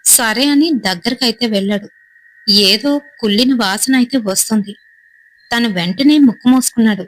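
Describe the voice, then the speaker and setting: A woman's voice: on the high side, normal speed, poor audio. Woman telling a horror story. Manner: steady suspenseful storytelling, short phrases.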